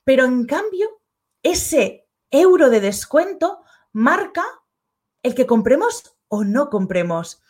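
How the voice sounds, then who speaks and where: A woman's voice: high voice, sing-song, slow, darkish tone, slightly rough. A woman with a Spain Spanish accent, hosting a casual live stream and reading out viewers' comments. She is chatty and acts out little everyday dialogues. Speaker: online course creator and live-stream host.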